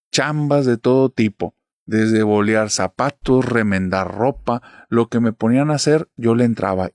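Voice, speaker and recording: Young Mexican male storyteller, earnest and emphatic, low voice, dry close sound. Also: a little mellow, dry recording. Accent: Mexican Spanish. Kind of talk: casual storytelling.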